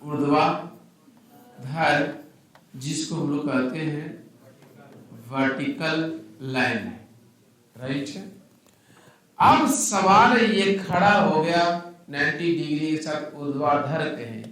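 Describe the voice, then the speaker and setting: Male maths teacher, somewhat high voice, asks the class and answers himself; echoey room. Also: takes it slowly, pauses often, a bit bright. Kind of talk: classroom lecture. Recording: echoey room, mic at a distance.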